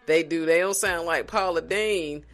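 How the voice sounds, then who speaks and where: A man from South Carolina, a podcast guest in casual conversation, talking in a reflective, unhurried way with many restarts. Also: fairly high pitch, fairly bright tone.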